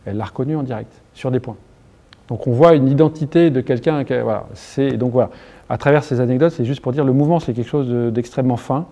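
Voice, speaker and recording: A middle-aged French man answering interview questions in a halting, earnest way, with many restarts and fillers. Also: medium pitch, warm tone. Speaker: motion capture engineer being interviewed.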